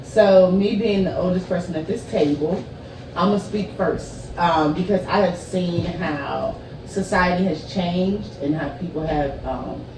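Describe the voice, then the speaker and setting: A woman's voice: fairly low pitch, measured pace. A middle-aged woman, speaking assertively and emphatically in a casual panel talk. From southern United States, rural. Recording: echoey room, distant mic, clear noise.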